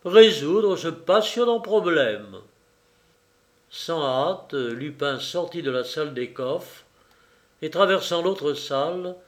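A man reading a novel aloud as the narrator, in measured, even storytelling. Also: a little high. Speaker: audiobook reader.

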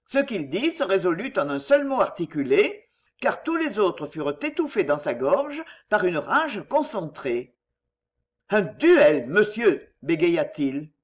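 A woman reading an audiobook aloud in an expressive storytelling manner. Her pitch moves with lively rises and falls. She sits in the middle of the female range. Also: a little slow. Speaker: narrator. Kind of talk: audiobook narration.

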